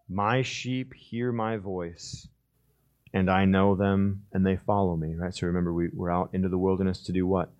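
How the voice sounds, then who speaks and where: A male pastor preaching a sermon, swinging between loud, fervent stretches and hushed, drawn-out emphasis, and acting out the voices of biblical figures as he retells the story. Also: low-pitched, steady tone, lo-fi sound.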